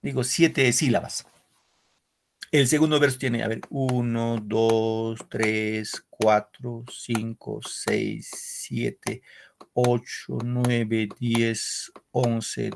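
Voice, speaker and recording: A man with a gravelly, fry-edged voice lectures his school class over a video call. He walks through each point patiently, quizzes the students along the way and keeps checking in with a quick "no?". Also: mid-range voice, a little hiss or hum. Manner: explains step by step, quizzes students, tags sentences with "¿no?". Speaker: secondary school literature teacher.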